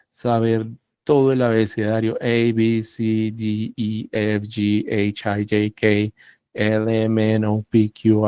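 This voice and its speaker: A man's voice: lowish voice, darkish tone, smooth, no room sound, clean studio sound. A man teaching an online English class, explaining patiently and spelling letters out one at a time.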